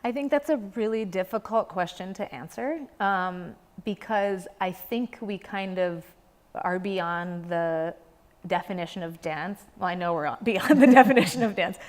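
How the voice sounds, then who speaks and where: A young adult woman who directs a dance company speaks earnestly in a reflective interview, searching for her words. Her mid-range voice moves at a measured pace, recorded in a reverberant hall.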